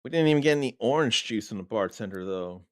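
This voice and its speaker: A man's voice: on the low side, expressive, fast talker. A man casually commenting while playing a video game, laid-back and muttering asides. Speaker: gaming streamer. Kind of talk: casual let's-play commentary.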